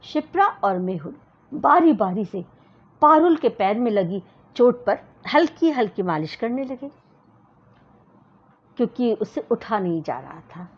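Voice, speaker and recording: An expressive woman narrates a children's story in a high, bright-pitched voice. Her delivery is animated and full of swooping melody. The recording sounds muffled and lo-fi. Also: measured pace, long pauses, husky. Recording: dull lo-fi recording.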